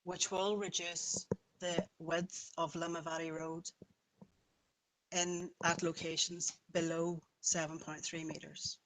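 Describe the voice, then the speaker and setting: Halting woman, flat delivery. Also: on the low side, poor audio. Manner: halting, self-correcting, careful. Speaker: planning officer. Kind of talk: formal committee explanation.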